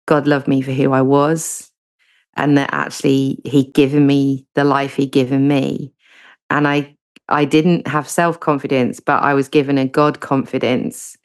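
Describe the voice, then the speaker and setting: Answering an interviewer's questions, a southern English author speaks in a chatty manner, hesitating often. She has a southern English accent and a rumbling low voice.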